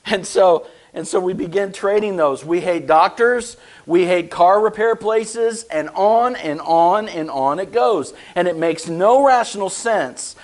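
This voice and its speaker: A man's voice: sits high, poor audio. A man preaching a conversational sermon, often asking his listeners rhetorical questions. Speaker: pastor.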